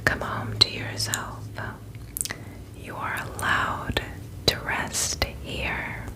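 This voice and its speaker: A woman whispering a gentle, reassuring pep talk in a reflective ASMR style, her voice breathy and unvoiced. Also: very slow. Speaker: ASMR host.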